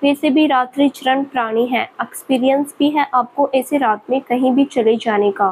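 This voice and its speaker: A woman's voice: high-pitched, steady tone, moderate pace, darkish tone, slight background noise, close to an everyday voice, rough recording. A woman voicing a spirited young female student who pleads and pouts. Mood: pouty. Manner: pleading, pouty.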